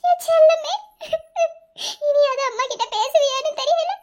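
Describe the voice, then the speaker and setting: A woman voicing a tender, grieving foster mother in a cartoon, with a Madurai Tamil accent, speaking softly and tearfully, laughing through her sorrow. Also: very high-pitched, a little slow. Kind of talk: cartoon voice acting.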